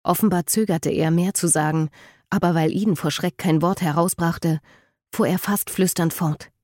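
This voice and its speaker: Woman reading a novel aloud, lowish voice, totally dry booth sound. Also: steady tone, normal speed, a little mellow, dry recording. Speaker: audiobook narrator. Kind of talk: scripted narration.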